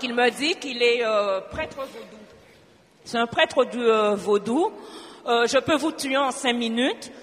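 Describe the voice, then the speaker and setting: A woman's voice: on the high side, a bit bright, big-room sound. A woman from Guadeloupe giving a spoken church testimony, telling her story with animation and acting out both sides of a conversation.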